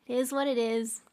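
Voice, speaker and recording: A high, slightly mellow female voice belongs to a streamer talking casually with her chat. She's giggly, laughing often between lines, and trails off with fillers.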